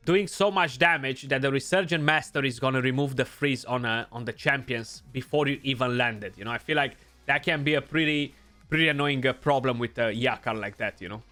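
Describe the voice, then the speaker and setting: Casual gameplay commentary comes from a young man with a Romanian accent, a gaming YouTuber who thinks aloud and often slips in "you know." His voice is medium-pitched, bright and forceful.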